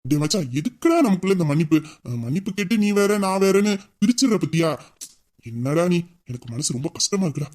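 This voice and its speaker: A man's voice: a little high, lively intonation, fairly quick, darkish tone, natural voice. A man voicing a sly young male friend who pleads and wheedles nonstop in a casual audio story. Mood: hurt.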